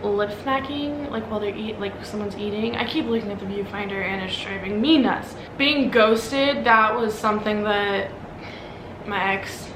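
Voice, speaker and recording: She's a vlogger in her early twenties, American-accented and from Omaha, Nebraska, casually and somewhat ramblingly answering get-to-know-me questions with plenty of "like". Her medium-pitched voice moves at a moderate pace, recorded with a roomy echo and clear background noise.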